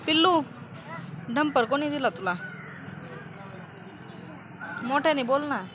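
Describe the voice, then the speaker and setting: Woman vlogger, slightly high voice, coaxing questions, noisy phone audio. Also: moderate pace. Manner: coaxing, questioning a small child. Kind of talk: casual family vlog narration.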